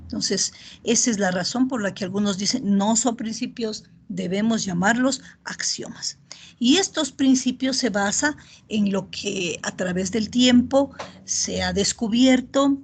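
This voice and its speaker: A middle-aged woman teaching an online biochemistry class, often pausing to ask students if they follow. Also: mid-range voice, husky. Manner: checks in often with "¿ya?" and "¿verdad?"; steady explanatory pace with filler pauses. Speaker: university lecturer.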